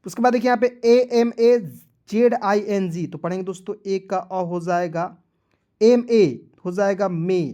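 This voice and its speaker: A man's voice: high voice, a little mellow. Man spelling out English words. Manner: spells words letter by letter, asks viewers to comment. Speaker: English teacher. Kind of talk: Hindi-language English spelling lesson.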